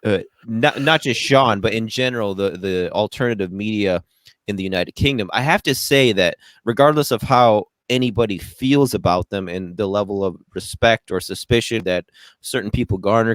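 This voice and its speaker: A man's voice: lowish voice, dry recording. An American man hosting a podcast over a video call, rambling and hesitant, his audio sometimes breaking up. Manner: rambling, hesitant, many restarts. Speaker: podcast host.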